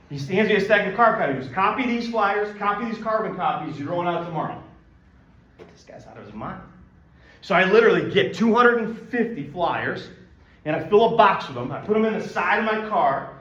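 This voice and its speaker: A man with a fairly high, lively voice tells stories to students and keeps turning to the room with asides. The sound is roomy and a little dull, as if heard in a lecture hall. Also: brisk. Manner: animated storyteller who addresses the audience directly. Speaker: guest speaker. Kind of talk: storytelling presentation to students. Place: university business school room.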